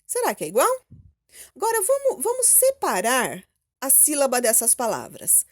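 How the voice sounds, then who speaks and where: A Brazilian woman teacher giving a recorded lesson to children, speaking slowly and clearly and checking in with questions. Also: high voice, wildly swooping pitch. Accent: Brazilian Portuguese. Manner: slow, clear, prompting with questions and "ok?".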